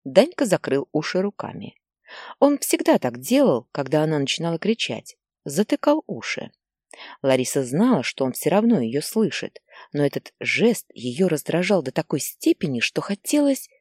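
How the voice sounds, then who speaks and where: Low-voiced woman reading a story. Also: normal speed, husky, no room sound, clean studio sound. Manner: expressive, dramatic reading. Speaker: narrator.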